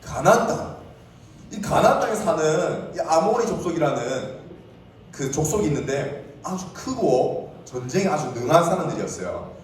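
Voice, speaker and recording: A young man preaching a lively sermon to children, asking them questions and acting out the characters' words. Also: a little high, normal speed, slight background noise. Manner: animated, asks the children questions and acts out quotes. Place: church hall with children. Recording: echoey church hall, mic at a distance.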